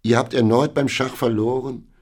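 A man's voice: medium pitch, steady tone, moderate pace, a little mellow, pitched above the performer's own voice, lightly acted. A man voicing an indignant, grumbling treasurer, in a storybook reading. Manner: incredulous, grumbling. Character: grumbling middle-aged male treasurer, indignant.

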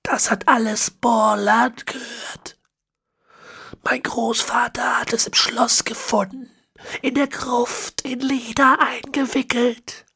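A reader voicing a spiteful, scheming 101-year-old man in a high, whispery, cackling old voice, from an audiobook. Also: little pitch movement, slow, gravelly, sharp tone, slightly rough, full character voice.

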